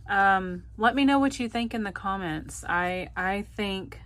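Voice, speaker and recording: A woman's voice: medium pitch, unhurried, fairly bright tone. A woman with a Southern US accent, chatting casually to her viewers as a budgeting vlogger, laughing often. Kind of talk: casual direct-to-camera chat.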